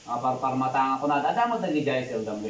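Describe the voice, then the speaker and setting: A man speaking slowly and hesitantly in casual talk about faith, switching between languages. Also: mid-range voice, expressive. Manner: slow, hesitant, code-switching. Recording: echoey room, distant mic, faint noise.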